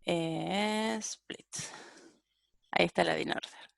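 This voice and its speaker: A woman's voice: on the low side, slow pace, vocal fry, dry recording, studio quality. A woman giving a live-coding programming lecture and thinking aloud as she types and corrects herself. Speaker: programming teacher.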